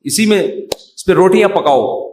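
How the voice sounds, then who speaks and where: A man's voice: high voice, lively intonation, a little mellow, a little hiss or hum. A man giving a religious lecture, joking and throwing rhetorical questions at his listeners. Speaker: Islamic scholar giving a talk. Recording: echoey room.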